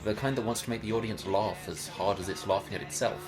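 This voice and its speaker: A man's voice: fairly low pitch, quick pace, music in the background. A man co-hosting a scripted film review show, reading his part with a dry, wry delivery.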